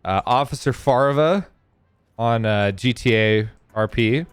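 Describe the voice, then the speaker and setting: A man's voice: medium pitch, unhurried, clear, resonant tone, no room sound, faint music behind. A man chatting casually with his viewers during a live game stream, rambling and thinking aloud as he plays. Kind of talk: casual live-stream chat while gaming.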